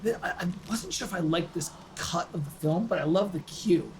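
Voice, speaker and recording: A young man hosting a casual chat about music, animated, rambling and quick to laugh. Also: sits high, background noise. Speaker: host.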